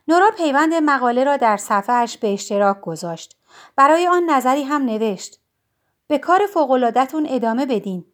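A woman reading a novel aloud in calm, scripted narration. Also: on the high side. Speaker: audiobook narrator.

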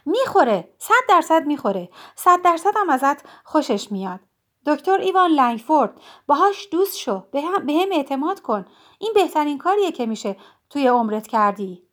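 A woman voicing a warm, insistent young sister who coaxes her brother in an audiobook. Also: sits high, very animated. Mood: urging.

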